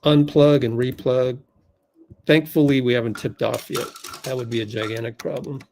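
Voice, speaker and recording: A man's voice: medium pitch, flat delivery, moderate pace, darkish tone, a little hiss or hum. A man hosting a fan livestream, doing play-by-play while he rambles through technical problems. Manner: flustered, rambling, many fillers, talks to himself while fixing tech.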